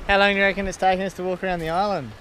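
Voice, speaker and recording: A woman's voice: medium pitch, steady tone, rapid-fire, fairly bright tone, slight background noise, rough recording. A woman, chatting and laughing to an action camera held at arm's length outdoors on an island beach. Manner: easygoing, laughs often. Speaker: sailing vlogger. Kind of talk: casual chat to camera.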